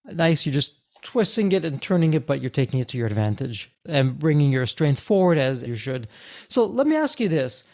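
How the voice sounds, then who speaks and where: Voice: medium pitch, very animated, a little fast, a little mellow. A podcast host interviewing a guest, often affirming with short backchannels. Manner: affirming, frequent "mm-hmm" backchannels. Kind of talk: interview conversation.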